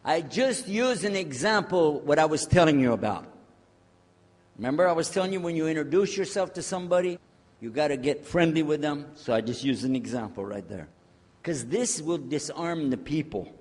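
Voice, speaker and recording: Long hall reverb surrounds a man giving a casual, joking lecture on Islamic outreach to a live audience, whom he chats with and checks in on. His voice is a little high and expressive, at normal speed.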